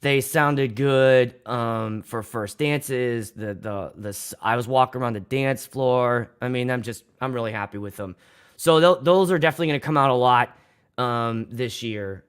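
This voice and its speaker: Here the young Pittsburgh DJ has a clean tone, medium pitch and normal speed while hosting his laid-back livestream. With a Pittsburgh accent, he wanders off topic, swears a lot and starts sentences over.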